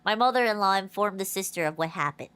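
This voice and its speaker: At a medium pitch, with a quick pace and clean tone, a woman game streamer chats casually during her livestream. She rambles through an animated story, often restarting, and her voice is stuffy and nasal from a blocked nose.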